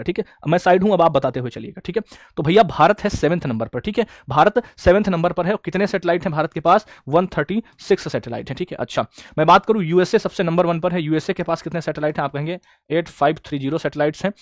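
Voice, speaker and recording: Online class teacher, male, brisk quiz style, dry close-miked sound. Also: on the high side, no echo. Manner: quizzing students, repeating answers. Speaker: exam coaching teacher.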